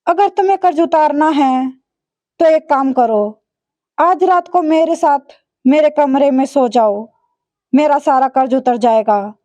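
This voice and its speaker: A woman voicing an elderly, patient and loving mother who speaks gently and softly in a storybook tale. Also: sits high, a little slow, dry recording. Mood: gentle. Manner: gentle, soft-spoken.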